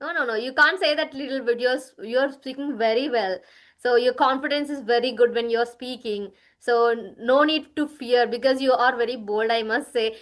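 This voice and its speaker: High-pitched South Indian woman, Telugu-influenced accent. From Andhra, southern India. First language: Kannada. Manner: halting, repetitive, with frequent tag "right?". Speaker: guest English speaker in practice conversation. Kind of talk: casual conversational chat.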